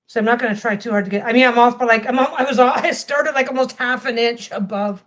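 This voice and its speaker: A woman with a fairly high, slightly bright voice talks fast as she sews a quilt panel at home for a casual vlog. She rambles and often restarts her phrases while chatting.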